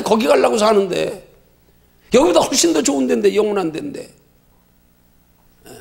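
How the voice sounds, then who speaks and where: A middle-aged male pastor leading a Bible study, emphatic and full of rhetorical questions, at times shouting. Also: extremely high pitch, gravelly.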